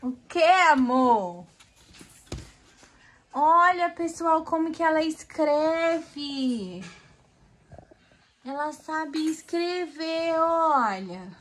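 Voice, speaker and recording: A woman's voice: high voice, lively intonation, very slow, pauses often, a bit bright. A woman with a Brazilian accent hosting a casual home vlog from a toy corner indoors, playfully coaxing a toddler and talking to her viewers. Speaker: family vlogger host.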